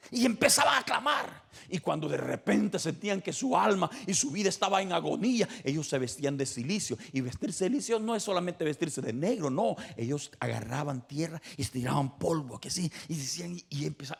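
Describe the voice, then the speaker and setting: Man, preacher, evangelical sermon, gravelly, husky, shouts and hushed asides, repetitive emphasis, church. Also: on the high side.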